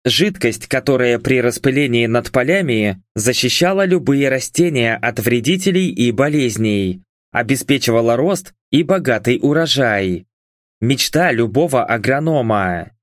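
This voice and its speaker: A man narrating an audiobook in a measured, even storytelling manner. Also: medium pitch, no echo, clean studio sound. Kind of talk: scripted narration.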